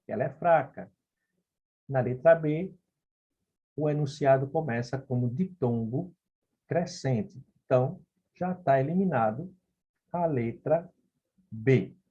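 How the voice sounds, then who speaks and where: A man's voice: a little high, mellow. A man teaching phonetics, working through exam questions step by step and checking in with the listener. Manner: explanatory, checks in with frequent "ok?" and "beleza?". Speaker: Portuguese grammar teacher. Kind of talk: recorded phonetics lesson solving exam questions. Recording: dull lo-fi recording.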